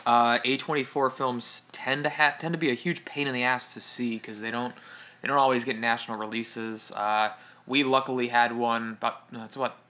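A man's voice: mid-range voice, steady tone, normal speed, pushed and bright. A man co-hosting a podcast, chatting casually about a film, hesitant with frequent restarts. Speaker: podcast co-host. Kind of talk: casual film review chat.

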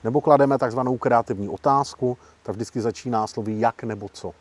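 A man with a husky, slightly rough voice at an ordinary middle pitch explains negotiation techniques as an interview guest. He talks emphatically and keeps things lively, often breaking into short acted-out example lines. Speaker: professional negotiator, guest speaker.

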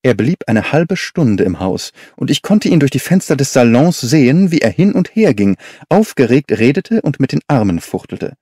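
A male audiobook narrator tells the story in a lively, expressive way. His voice rises and falls a lot and sounds mellow. The studio recording is dry and close. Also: medium pitch, normal speed, no echo. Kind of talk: scripted literary narration.

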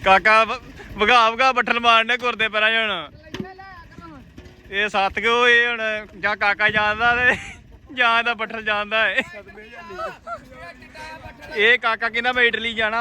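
This is a man with a notably high voice and a bright, forceful edge. He gives casual vlog commentary out of doors, full of hearty, loud banter, teasing and egging on the men around him. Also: steady tone, moderate pace, pauses often. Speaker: vlogger. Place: outdoors at a riverside sand-loading site with tractors.

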